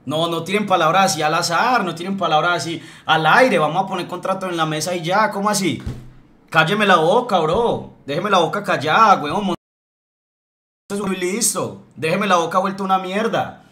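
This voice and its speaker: A man's voice: sits high, normal speed, pushed and bright. A young man, ranting on a livestream in a heated, blunt way, swearing and repeating himself. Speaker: streamer. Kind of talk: livestream rant.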